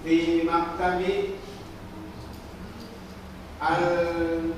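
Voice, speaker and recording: A man's voice: fairly high pitch, monotone, drawn-out words, background noise. A man answering as a student, hesitant and sounding out words. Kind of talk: answering in class. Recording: echoey room, voice from far off.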